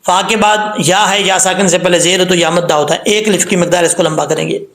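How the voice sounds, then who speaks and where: A man teaching the rules of Quran recitation, explaining letter sounds and then chanting the verses slowly and drawn out. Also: high voice, steady tone, fairly bright tone, reverberant. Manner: says "ok" and "theek hai" between points. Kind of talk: tajweed lesson with slow chanted recitation.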